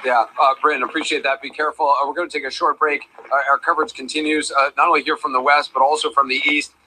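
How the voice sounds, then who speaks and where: A man reporting in live news coverage, halting as he searches for words, with a noisy broadcast sound. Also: fairly high pitch, level tone, sharp tone. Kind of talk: live rolling coverage with interview.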